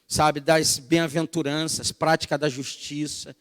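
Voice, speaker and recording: Pastor preaching in an echoey church. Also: male voice, a little high, little pitch movement, a little slow. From Brazil. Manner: conversational, storytelling, addresses the congregation as brothers. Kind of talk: sermon. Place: church hall.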